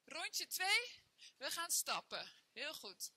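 Exercising alongside her students in a bare room indoors, a young woman guides a workout, counting reps and encouraging the class. She speaks slowly in a high, very animated voice that is pushed and bright, and the recording is dry.

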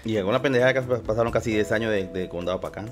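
A man's voice: on the low side, faint music behind. A middle-aged man with a Panamanian Spanish accent, a guest chatting with his son in a joking, slang-filled way. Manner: fast, joking, full of slang. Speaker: guest, host's father. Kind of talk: casual chat.

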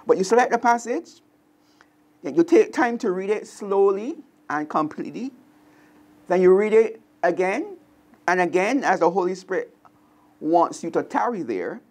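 Unhurried teaching voice, repeating phrases. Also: mid-range voice, darkish tone. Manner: slow, repeats key phrases, pauses. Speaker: co-presenter. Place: television studio.

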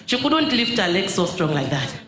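A woman's voice: mid-range voice, big pitch swings, moderate pace. A woman from Zambia, plainly describing her mother's struggles in a church testimony. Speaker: testifying relative. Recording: echoey hall with crowd.

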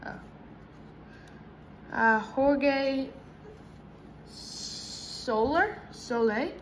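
A woman chatting casually while opening trading card packs, breaking into high excited shrieks at big pulls. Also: a little hiss or hum, poor audio. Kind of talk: casual pack-opening commentary. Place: indoors at a table. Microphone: camera over hands, speaker off screen.

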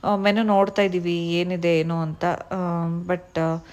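A woman's voice: lowish voice, steady tone, takes it slowly, darkish tone, smooth. A young adult woman and mother narrating a casual family vlog in a chatty way, dropping English words into her talk.

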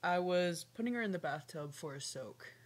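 A young woman vlogs casually about her pet snake, rambling to camera and pausing now and then to coo at it, her lowish voice lively and moderately paced. She's in a small lamp-lit room at home, caught by a webcam or laptop mic at arm's length with noisy audio.

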